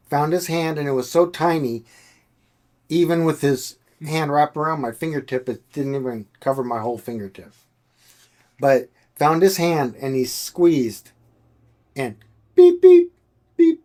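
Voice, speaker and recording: A man telling his own faith testimony on a podcast, retelling events earnestly and acting out the voices of others. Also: on the high side. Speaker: podcast guest. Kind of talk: personal testimony storytelling.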